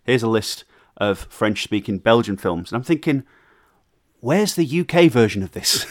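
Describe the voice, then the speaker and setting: A man co-hosting a casual podcast chat, talking in an animated, emphatic way with frequent restarts. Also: mid-range voice, normal speed.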